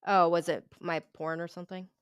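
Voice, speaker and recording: A woman's voice: on the low side, flat delivery, fairly quick, smooth, dry recording, studio quality. A woman in a casual voice chat, talking bluntly and confrontationally, swearing often. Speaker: voice chat participant.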